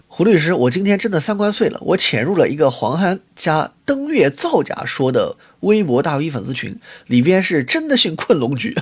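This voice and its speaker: A man ranting excitedly on a livestream, often repeating himself. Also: a little high, normal speed, few pauses, slightly rough, dry recording. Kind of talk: livestream rant.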